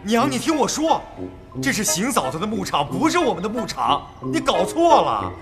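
An actor playing an earnest, soft-spoken young son pleading with his mother in a period TV drama, music behind. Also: high-pitched, huge pitch swings, moderate pace. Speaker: dutiful son. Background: drama score music.

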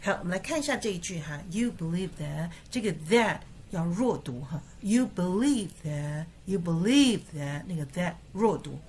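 A woman teaching English through a Bible verse, explaining words and reading slowly and deliberately, word by word. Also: on the low side, animated, darkish tone, a little hiss or hum.

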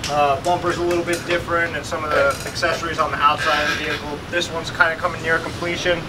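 A man's voice: fairly high pitch, little pitch movement, fast talker. A man in his thirties giving an upbeat, plain-spoken walkthrough of a car workshop. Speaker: shop manager giving a tour. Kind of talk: casual walkthrough vlog. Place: large indoor vehicle workshop. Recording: workshop noise behind.

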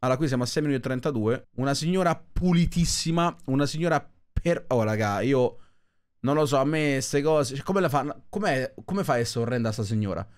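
A man's voice: medium pitch, animated, brisk. A man giving casual, skeptical commentary on a video, rambling with restarts. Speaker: reaction video host.

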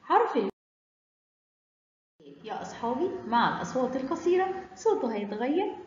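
A woman with an Egyptian accent teaching children Arabic letters, sounding them out in a sing-song, drawn-out way. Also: high-pitched, very animated, a little mellow, slight background noise. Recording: roomy, slightly dull recording.

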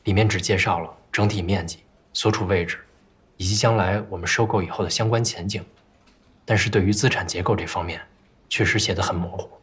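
A young assistant with a low, husky voice who chooses his words carefully. He is polite but keeps probing for the facts. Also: steady tone, a little fast, fairly bright tone, heavily acted. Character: cautious, sharp young male assistant. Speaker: executive assistant.

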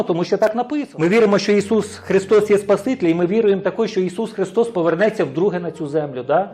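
A man's voice: high-pitched, darkish tone. A man preaching a sermon, often asking his congregation rhetorical questions and tagging his sentences with a questioning "right?".

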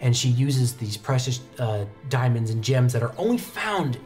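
This young adult game master narrates a tabletop roleplaying game from a desk in an indoor studio set, his storytelling descriptive and conversational. His medium-pitched, somewhat mellow voice swings widely in pitch at a moderate pace, with music in the background.

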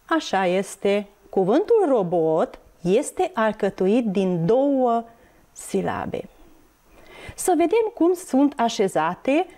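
A woman teaching a televised reading lesson to young children, speaking slowly and clearly and spelling out words letter by letter. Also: medium pitch, mellow. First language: Hungarian. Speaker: primary school teacher.

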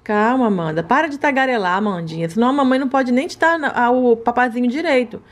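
A woman's voice: a little high, fast. A woman playing a patient, teasing mother while feeding her dolls. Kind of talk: children's doll play narration.

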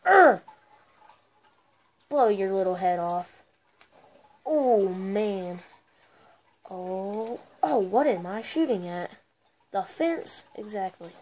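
Excitable girlish woman trash-talking gameplay. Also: mid-range voice, slow, long pauses. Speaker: gameplay commentator. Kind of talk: casual gameplay commentary. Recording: noisy recording with steady hiss.

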